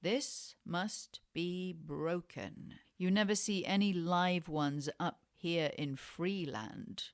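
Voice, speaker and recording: A woman giving an experimental literary reading, slow and deliberate with hypnotic repetitions. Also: on the low side. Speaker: reader. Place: indoors in Tangier.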